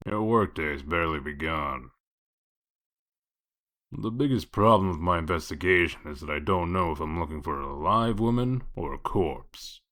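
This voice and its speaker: A man playing a gruff, sardonic, bossy wolf detective in a comic dub, speaking in a curt, commanding way. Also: animated, moderate pace, bright, forceful tone. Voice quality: deep voice.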